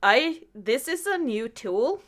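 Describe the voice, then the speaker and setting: Speaking slowly in a high-pitched voice, this woman is a podcast host in casual chat. She tells stories with animation, performing her own reactions along the way.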